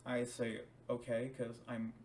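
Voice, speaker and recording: A man's voice: medium pitch, little pitch movement, normal speed, darkish tone, recorded from a distance, slight background noise. A young man telling a personal story to the camera, hesitant, with frequent restarts and repeated words. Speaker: DJ and stage performer. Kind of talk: personal account told to camera.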